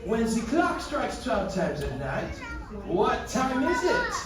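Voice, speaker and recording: High, lilting tea-party hostess. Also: female voice, wildly swooping pitch, slow, far from the mic, over a noisy crowd, full character voice. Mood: encouraging. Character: cheerful fairy-tale tea party hostess. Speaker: host. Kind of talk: children's stage show quiz presenting. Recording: echoey hall from afar, music.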